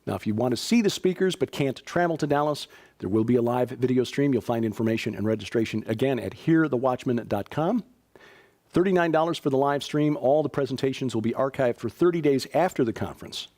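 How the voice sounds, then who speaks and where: Here the Chicago news host sounds warm and brisk, his medium-pitched voice expressive as he moves through stories and announcements. He keeps things casual, dropping in fillers and dry asides.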